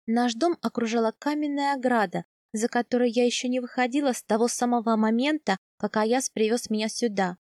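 Woman, audiobook narrator, first-person storytelling, calm and even, somewhat high voice, dry close sound. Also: brisk, few pauses, no room sound.

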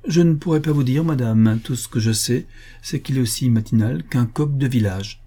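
A man's voice: medium pitch, normal speed, dark tone, breathy edge. A man voicing a talkative male concierge who is deferential and emphatic, eager to reassure his listener.

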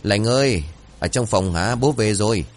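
A man's voice: lowish voice, moderate pace, lightly acted. A man voicing a frightened old father calling out for his daughter in a spoken horror story. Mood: worried. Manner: anxious calling out. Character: frightened old father searching dark house.

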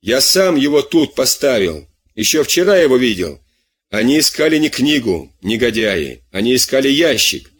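A man voicing an anxious older farmer, crying out in agitation with a husky voice. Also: medium pitch, sing-song, moderate pace, fairly bright tone. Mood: frantic. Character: anxious older male farmer, frantic and guilt-ridden.

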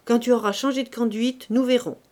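A woman's voice: fairly high pitch, steady tone, brisk, a little mellow, lightly acted. A charitable young woman scolds the village poor in a firm voice that stays kind underneath, as a woman reading an audiobook gives her lines. She speaks with a storybook character's authority.

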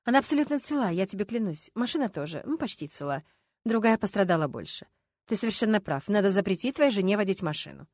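Woman reading a calm, composed woman. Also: medium pitch, fast talker, no room sound, clean studio sound, lightly acted. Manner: steady, level, earnest. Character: calm, composed grown woman, serious, principled.

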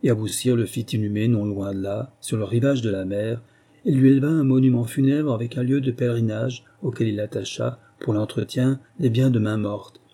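A man narrating a classic tale in a measured, steady reading. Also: mid-range voice. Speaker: audiobook narrator. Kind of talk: storybook narration.

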